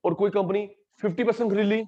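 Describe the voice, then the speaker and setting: A man's voice: high-pitched, fairly even intonation, fast, mellow, highs cut off. A man teaching an economics class in a casual, teasing way, mixing Hindi with English terms. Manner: chatty, teasing, switches between Hindi and English. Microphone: microphone.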